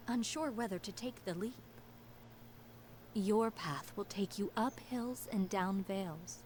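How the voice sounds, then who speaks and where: Mystical seer for a game, slow fortune teller prophecy voice, cryptic n solemn, bit of background noise. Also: female voice, medium pitch, darkish tone. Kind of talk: dramatic game voice acting.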